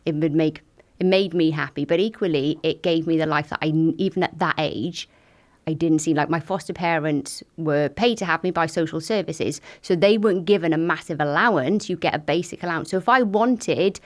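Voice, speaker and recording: A middle-aged woman, a guest telling her story candidly, frank and lively with lots of fillers. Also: low voice, fairly quick. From Wales.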